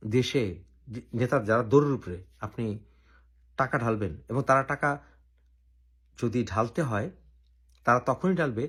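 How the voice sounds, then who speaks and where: A man from Bangladesh runs his own channel, presenting opinionated political commentary one point at a time with deliberate pauses. His mid-range voice carries slight roughness.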